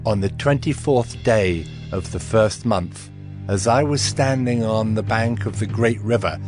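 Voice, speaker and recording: A man with a lowish voice, lightly acted, plays Daniel, the humble, awestruck Hebrew prophet, recounting visions in dramatized scripture storytelling. He speaks slowly, gravely, and reverently, with deliberate delivery, over a clear music bed.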